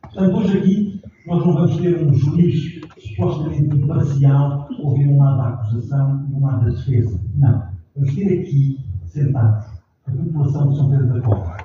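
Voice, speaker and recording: A man in his forties with a European Portuguese accent, an actor giving a measured, declamatory stage address to an audience. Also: a little high. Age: 40s. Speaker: actor and narrator. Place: theatre stage. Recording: echoey theatre hall from far off, dull, noisy.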